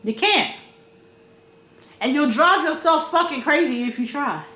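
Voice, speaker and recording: A woman's voice: high-pitched, expressive, a little slow, pushed and bright, roomy sound, a little hiss or hum. A woman vlogging her opinions in a blunt, profane way, repeating her points for emphasis. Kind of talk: casual opinion rant.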